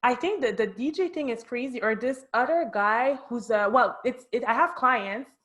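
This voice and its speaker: Higher-voiced woman with a French Canadian accent. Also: moderate pace, fairly bright tone. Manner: chatty, often checks in with "right?". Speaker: real estate agent, interview guest. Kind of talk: conversational interview, explaining her process.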